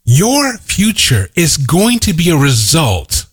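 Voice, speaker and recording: A man's voice: fairly high pitch, huge pitch swings, takes it slowly, husky. A middle-aged man giving an emphatic motivational talk, repeating his key points and telling stories. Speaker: motivational speaker. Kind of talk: motivational monologue.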